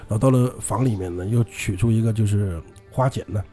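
A man's voice: on the low side, brisk, dark tone, faint music behind. A man co-hosting a podcast who retells a classic novel comically, in a loose, chatty way with asides. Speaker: podcast co-host, storyteller.

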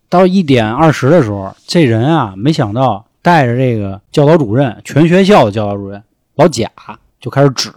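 A young man telling a story in a casual chat, swearing freely and acting out shouts from the story. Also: mid-range voice, no room sound. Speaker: storyteller guest.

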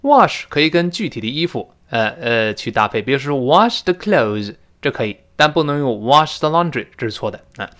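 A middle-aged man teaching English vocabulary in a recorded lesson, slowly drilling phrases and spelling words letter by letter. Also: mid-range voice, animated, a bit bright. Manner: drills phrases slowly, repeating them for the listener.

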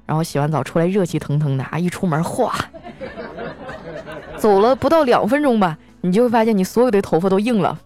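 A woman's voice: mid-range voice, lively intonation, a little fast, darkish tone, some chatter behind. A woman from northeast China hosting an audio show, reading listener jokes aloud in a chatty way and often laughing along. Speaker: podcast host.

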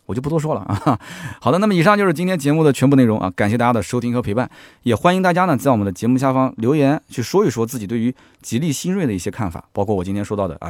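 A man hosting a podcast in casual chat, animated and chatty, often asking his listeners "right?". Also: mid-range voice, no echo, clean studio sound. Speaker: podcast host.

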